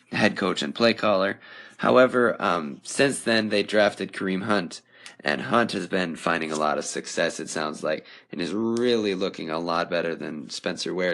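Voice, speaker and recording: Low, gravelly young man with a tiring voice. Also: fairly bright tone. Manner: casual, thinking aloud with frequent ums. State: voice wearing out, slightly hoarse. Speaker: podcast host. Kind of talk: solo podcast commentary.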